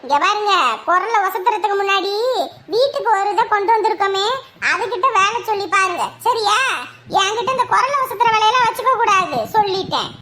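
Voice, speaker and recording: கூர்மையான வயதான மாமியார். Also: female voice, extremely high pitch, a little fast, sharp tone, a little hiss or hum. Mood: scolding. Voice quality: nagging, scolding, then pleading. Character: sharp-tongued old mother-in-law, later destitute. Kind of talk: animated drama dubbing.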